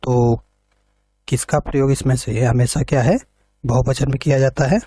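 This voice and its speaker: A man's voice: mid-range voice, fairly even intonation, moderate pace, dark tone, husky, no room sound. A man teaching an exam preparation lesson, reading each question and its options, then explaining the answer step by step and repeating points back.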